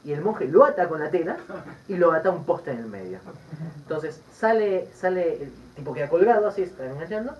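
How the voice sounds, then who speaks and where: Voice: medium pitch, fairly quick. Docente rioplatense animado, grabación lejana. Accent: Rioplatense Spanish. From Argentina. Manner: lively storytelling with asides and laughter. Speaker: Buddhist teacher. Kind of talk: Dharma teaching with storytelling. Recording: distant dull recording with faint background noise.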